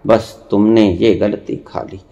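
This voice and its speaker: A man giving a spiritual discourse, slow and deliberate with long pauses, lecturing and rebuking his listeners. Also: lowish voice, flat delivery, gravelly, warm tone, lo-fi sound. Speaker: spiritual teacher.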